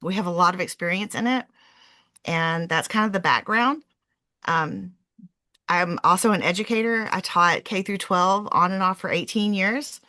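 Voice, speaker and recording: A woman in her forties talks casually as an interview guest. Her voice sits a little low. She keeps filling pauses with "um" and corrects herself mid-sentence. The sound is close and dry, with no room behind it. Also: pushed and bright, dry recording. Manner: chatty, frequent "um" fillers, self-correcting. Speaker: real estate investor and guest.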